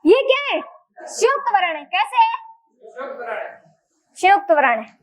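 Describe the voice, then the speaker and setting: High-pitched woman teaching a class. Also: very animated, a little slow, rough recording. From India. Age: adult. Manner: asks the class frequent questions. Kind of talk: classroom grammar lesson.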